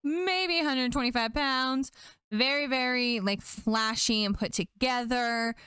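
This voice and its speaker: A woman co-hosting a podcast, jumping in eagerly with quick agreement and asides. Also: on the high side, bright, forceful tone, clear, resonant tone, no room sound. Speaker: podcast co-host. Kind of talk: casual chat.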